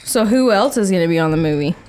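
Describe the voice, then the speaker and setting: A woman's voice: lowish voice, lively intonation, fast talker, darkish tone. A young woman co-hosting a casual podcast chat, teasing the others playfully. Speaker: podcast co-host.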